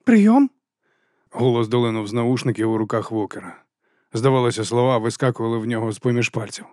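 A man narrating an audiobook in a measured, even reading voice. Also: mid-range voice, no room sound, studio quality.

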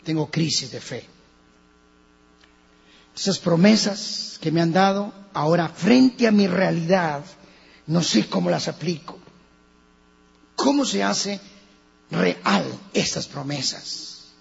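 Colombian male pastor, husky and fairly high, dramatic sermon delivery, reverberant lo-fi church recording with hum. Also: slow pace, pauses often. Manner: preaching with dramatic shifts between hushed and loud. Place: church hall.

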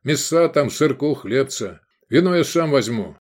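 A man voicing a gruff, hot-tempered male gladiator leader who barks commands. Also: medium pitch, lively intonation, unhurried, pitched above the performer's own voice. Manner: barking, commanding.

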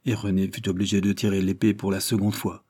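A man narrating a historical adventure novel as an audiobook, measured and dramatic. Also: sits low, little pitch movement, a little mellow, slightly rough. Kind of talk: scripted narration.

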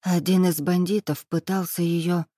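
Stern scheming older club-owner woman, dark-toned, dry; voiced by a woman narrator. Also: on the low side, level tone, measured pace, no echo. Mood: mocking, stern. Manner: mocking, weary, coolly menacing. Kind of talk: audiobook dialogue reading.

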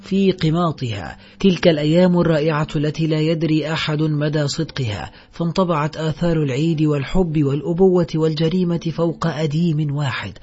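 A man narrating an audiobook with solemn, measured literary reading, in a dull lo-fi recording with faint music. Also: a little high, steady tone, a little mellow, husky.

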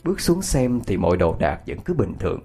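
Husky man telling a ghost story. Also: low-pitched, fairly quick. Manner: expressive, dramatic storytelling. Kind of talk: horror story narration. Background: faint music.

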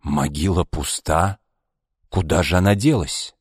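Brief: male reader playing a short-tempered man of power, raised, sharp, deep voice. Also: unhurried, slightly rough, dry recording, clean studio sound. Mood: stunned. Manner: loud, agitated, shouting. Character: irritable powerful middle-aged man, half-brother.

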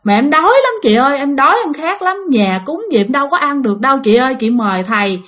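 A woman's voice: high voice, animated, fast talker, fairly bright tone. A woman voicing the tearful, pleading ghost of a drowned young man.

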